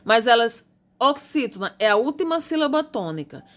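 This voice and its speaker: A woman teacher from Brazil, patiently going over homework answers and spelling out grammar rules slowly. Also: fairly high pitch, very animated. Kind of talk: recorded classroom lesson correcting homework.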